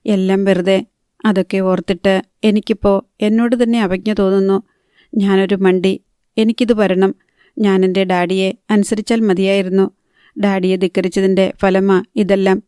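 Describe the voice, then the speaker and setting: A woman's voice: medium pitch, little pitch movement, moderate pace, dark tone, clean tone, dry recording, studio quality, natural voice. A woman reading the part of a heartbroken, bitter young woman in an audiobook.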